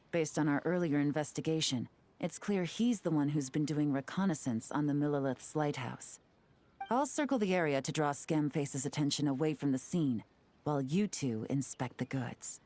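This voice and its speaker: An actress with a deep, darkish female voice plays a cool, confident intelligence operative in a video game, briefing her allies with composed assurance.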